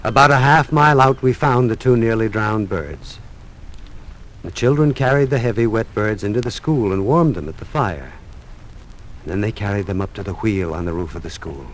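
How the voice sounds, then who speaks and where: A man narrating a children's story in a measured storytelling manner. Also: lowish voice, slight background noise. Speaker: narrator and teacher. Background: music.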